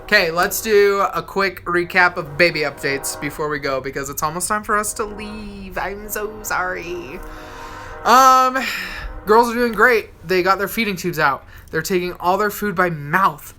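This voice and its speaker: A young man hosting a live vlog, chatting casually with playful, animated asides. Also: sits high, moderate pace, soft background music. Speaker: vlog host. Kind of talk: casual live-stream chat.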